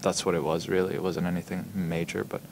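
A young man, a hockey player, answering reporters' questions at a postgame press conference, halting and full of ums and repeated words, speaking into table microphones in a press room. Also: low-pitched, little pitch movement, gravelly, background noise. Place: press room in front of a logo backdrop. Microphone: table microphones in front of him.

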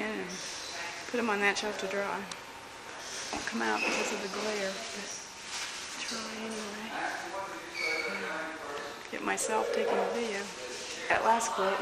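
Brief: woman narrating a camcorder tour, unhurried and quiet, voice going, loud tape hiss behind her. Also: fairly high pitch. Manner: slow, soft-spoken pointing out sights. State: losing her voice. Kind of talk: narrating a home video tour. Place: outdoor grounds and buildings of a campus. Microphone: built-in camcorder mic.

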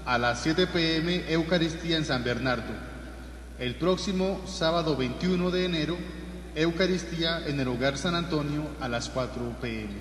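Colombian priest in cathedral echo. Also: male voice, fairly high pitch, moderate pace, slight background noise. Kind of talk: liturgical prayer and parish announcements read from the lectern. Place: large church, indoors. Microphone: lectern microphone. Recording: echoey church with long cathedral reverb.

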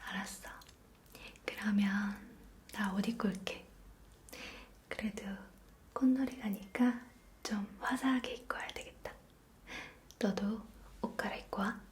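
A woman whispering gently and affectionately in a roleplay ASMR, talking softly to the listener. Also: mid-range voice, steady tone, measured pace, pauses often, echoey room. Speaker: ASMR creator.

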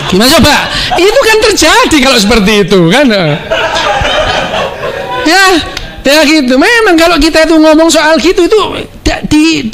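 A man, a doctor, chatting casually and lecturing in an animated, playful way, acting out quoted dialogue as he tells anecdotes. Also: extremely high pitch, slight background noise. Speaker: doctor speaking on neuroscience.

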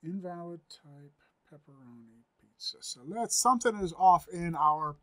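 A man's voice: sits high, moderate pace, fairly bright tone. A man in his forties giving a screen-recorded coding tutorial from a home office, thinking aloud as he types, upbeat and chatty. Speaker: programming instructor.

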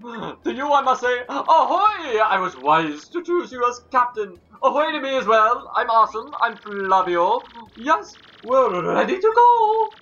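Man putting on a high, fluting, foppish dandy captain. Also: sing-song, measured pace, pushed and bright, muffled recording, exaggerated voice. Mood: boastful. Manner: affected fluting fop, pompous and theatrical. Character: flamboyant, vain, foppish dandy ship captain. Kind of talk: video game character voice-over.

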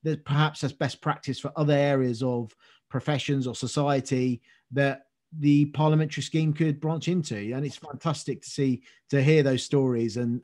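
A man's voice: medium pitch, mellow. A man hosting an interview, asking earnest, rambling questions with frequent restarts and ums. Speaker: interview host.

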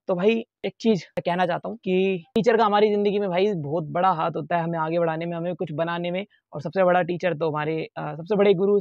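A man's voice: sits high, vocal fry, no room sound, muffled recording. A young man chatting casually to his viewers in a vlog, playful and talkative, speaking into a wired lapel mic clipped under his shirt. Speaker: vlogger. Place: outdoors near a lane. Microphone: wired lapel mic under t-shirt to phone.

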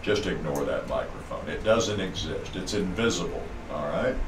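A man's voice: low voice, expressive, moderate pace, recorded from a distance. An older man hosting a radio show, joking easily with a young guest in a small studio. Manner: joking, easygoing teasing. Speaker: radio host. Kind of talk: friendly radio studio banter. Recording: roomy, off-mic, noisy.

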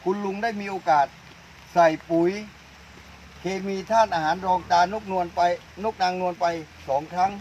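Man, high voice, eager promotional interviewer, repeats answers, outdoor orchard, faint rain noise. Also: fairly even intonation, normal speed, darkish tone, dull audio. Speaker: interviewer, fertilizer brand owner.

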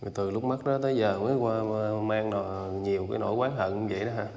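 A man hosting a ghost-hunting drama, questioning a spirit calmly and patiently. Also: on the low side, fast. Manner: calm, patient questioning with short assents. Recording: echoey hall.

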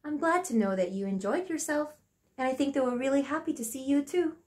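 A woman who hosts a children's educational show and speaks gently and reassuringly. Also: high-pitched, fairly quick. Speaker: host.

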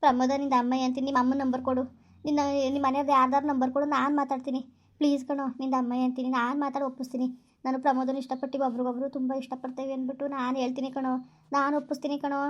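A woman's voice: sits high, little pitch movement, very fast. A woman playing a heartbroken young woman who pleads tearfully with her lover in a village skit, on a dull lo-fi recording. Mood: pleading. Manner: pleading, tearful, repeats please.

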